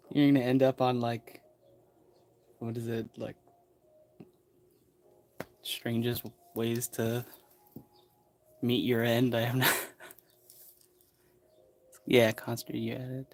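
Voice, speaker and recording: A man's voice: mid-range voice, level tone, drawn-out words, gravelly, pauses often, darkish tone. A man hosting a casual tea livestream, rambling and hesitant with frequent chuckles. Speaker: livestream host. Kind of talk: casual live-stream chat.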